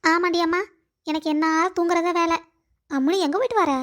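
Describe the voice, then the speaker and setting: A woman's voice: extremely high pitch, steady tone, fairly quick, a bit bright. A woman voicing a suspicious old mother-in-law in a cartoon story. She talks in a scolding, accusing way. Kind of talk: cartoon voice acting.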